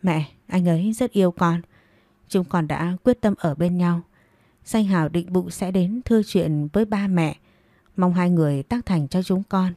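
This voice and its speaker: A woman voicing a frightened young pregnant daughter who pleads softly and slowly with her mother. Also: fairly low pitch, no echo, clean studio sound, natural voice. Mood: pleading. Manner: soft, slow, tearful pleading.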